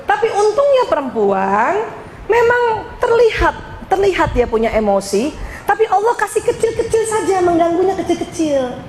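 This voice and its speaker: A woman's voice: very high-pitched, reverberant, noisy background. A woman from Indonesia giving a religious lecture to women, joking and speaking straight to her audience. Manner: lively, joking, addresses audience directly.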